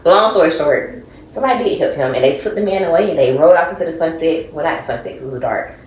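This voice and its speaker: Brief: low, very lively woman podcast co-host, animated storyteller, echoey room with faint ambience. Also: fast talker. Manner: animated storyteller, acts out voices. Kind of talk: casual chat.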